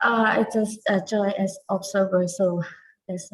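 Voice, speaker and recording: A woman speaking haltingly and casually as an observer in an online meeting. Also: mid-range voice, steady tone, low-quality recording.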